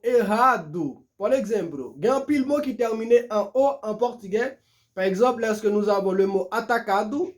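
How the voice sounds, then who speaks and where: A man with a Haitian accent and a fairly high voice teaches in a relaxed online lesson. Haitian Creole is his first language, and he moves easily between Creole, French and Portuguese. He repeats words slowly and carefully to help learners. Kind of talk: casual video lesson.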